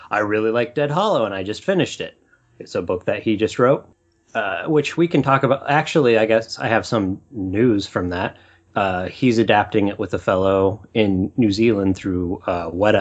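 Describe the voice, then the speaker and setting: Low husky-voiced male podcast co-host. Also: muffled recording. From Utah. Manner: rambling storyteller, animated when excited. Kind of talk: casual podcast chat. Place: Portland, Oregon.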